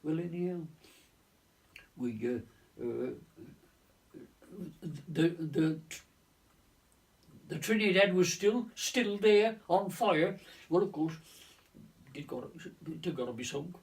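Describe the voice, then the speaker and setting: A man in his nineties, a navy veteran recounting his wartime service in an oral-history reminiscence, halting and full of restarts and repeated words. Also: on the high side, expressive. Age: 90s. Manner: leans on stock phrases like "of course" and "lo and behold". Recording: voice distant from the mic.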